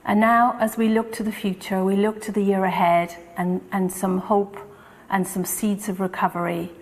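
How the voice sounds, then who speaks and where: A woman's voice: mid-range voice, little pitch movement, normal speed. A woman leading a community centre delivers a formal, scripted address of thanks. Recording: long hall-like reverb.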